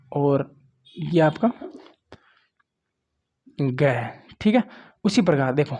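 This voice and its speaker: Here a Rajasthani man lectures on grammar at a board, his dark-toned voice sitting high on a lo-fi recording. Plain and coaxing, he repeats "देखो" (look) and "ठीक है" (okay) to the class again and again.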